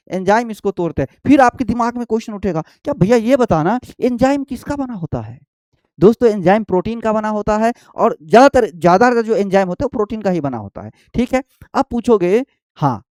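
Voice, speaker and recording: A man's voice: high voice, darkish tone, no room sound, clean studio sound. A male teacher giving an exam-prep biology lesson, repeating each point and quizzing the students as he goes. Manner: repetitive, quizzing, addresses students as friends and babu.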